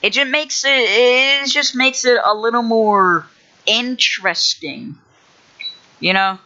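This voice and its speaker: A man's voice: very high voice, slow pace, bright, forceful tone, dull audio. A young man livestreaming as he builds a game level, rambling casually with lots of fillers and restarts. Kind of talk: casual thinking-aloud livestream.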